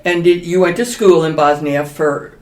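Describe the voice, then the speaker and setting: A woman's voice: on the low side, fairly even intonation, normal speed. Echoey, distant older woman chatting. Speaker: podcast co-host, senior community resident. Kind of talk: casual interview chat. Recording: roomy echo, distant from mic.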